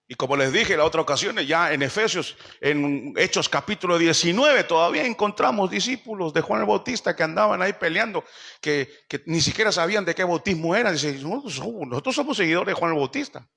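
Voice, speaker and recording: High, gravelly preaching pastor. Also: male voice, animated, fairly quick, bright, forceful tone. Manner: preaching with rhetorical questions to the congregation; acts out quoted speech in shifting voices. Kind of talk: sermon. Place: church service.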